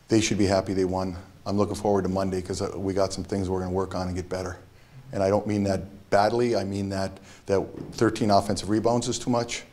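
A middle-aged man, a basketball head coach, giving a postgame interview in a halting, measured way with frequent restarts. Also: sits low, a little mellow. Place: press backdrop room.

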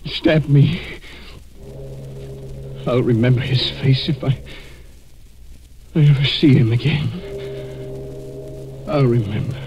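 A man's voice: mid-range voice, slow, long pauses, dull audio, close to an everyday voice. An actor playing a stricken, anguished wounded man in a noisy 1940s radio drama recording.

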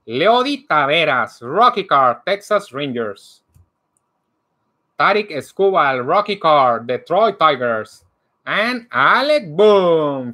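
A man hosting a card break, announcing each card by player and team in a slow, animated way. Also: on the high side. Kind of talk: calling out cards during a live card break. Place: indoor room lined with card displays.

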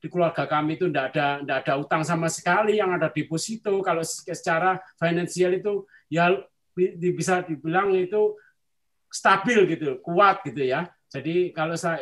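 A man's voice: fairly high pitch, moderate pace, fairly bright tone. A man giving an earnest personal faith testimony over a video call, often addressing his listeners directly. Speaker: church testimony speaker.

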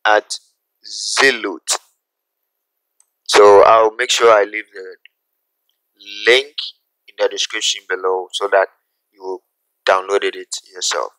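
Guy walking thru a design tutorial, slow and chill, smooth clear voice, keeps saying okay. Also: lowish voice, little pitch movement, bright, forceful tone, dry recording, rough recording. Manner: unhurried, repeats steps, asks "okay?" often. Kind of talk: screen-recorded software tutorial.

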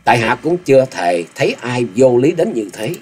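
A man's voice: medium pitch, very animated, moderate pace, husky. A man voicing a polite but stubborn young male swordsman who gives formal, proud replies. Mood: earnest.

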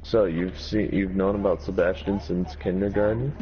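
A man trolling his friends in a gaming voice chat, talking in a flat monotone. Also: sits low, normal speed. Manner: monotone, trolling mock-solemn lines. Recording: dull lo-fi voice chat with faint noise.

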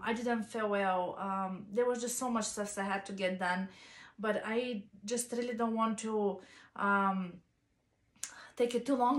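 This fashion vlogger is a woman in her thirties from Bulgaria who speaks with a Bulgarian accent at a fairly high pitch. Recording in her small living room on the camera's built-in mic from a few feet off, she talks casually with plenty of ums and uhs, and the sound is roomy.

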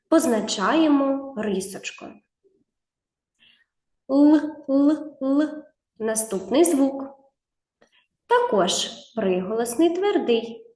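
A woman's voice: fairly high pitch, roomy sound. A woman teaching a video reading lesson to young children, drawing out sounds and giving patient step-by-step instructions with encouragement. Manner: encouraging, talks straight to the child.

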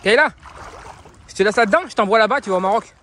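This French dad's high, fast, somewhat bright voice comes with a little hiss or hum as he films his daughter on a sandy beach by the sea. Holding the camera, he keeps calling out encouragement to her, laughing often, in family vlog style.

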